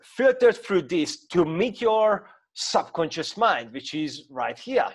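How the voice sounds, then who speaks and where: Man, 30s, Hungarian accent, fairly high voice, informal coaching talk, halting with fillers. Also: sing-song. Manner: hesitant, many fillers and restarts, non-native grammar. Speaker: mindset coach. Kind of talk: informal talk to camera with screen-share explanation.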